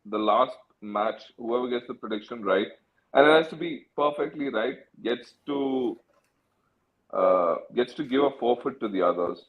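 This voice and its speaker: A man co-hosting a football podcast in casual chat, starting over with stammers as he pitches an idea. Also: measured pace, highs cut off. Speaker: podcast co-host.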